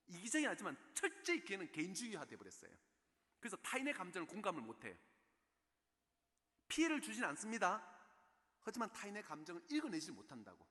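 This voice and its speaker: A man lectures on parenting at a church, pausing to put rhetorical questions to his listeners. His voice sits high and moves around a lot. The sound carries the long echo of a large church hall. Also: sharp tone. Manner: keeps checking in with the audience through rhetorical questions. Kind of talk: special lecture at a church service. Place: church in Seoul.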